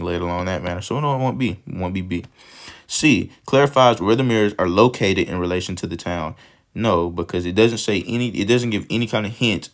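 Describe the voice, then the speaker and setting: A man with a cold, sniffling, casually talking through English test questions step by step and thinking aloud as he goes. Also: sits low. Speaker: test prep tutor. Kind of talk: walking through practice questions.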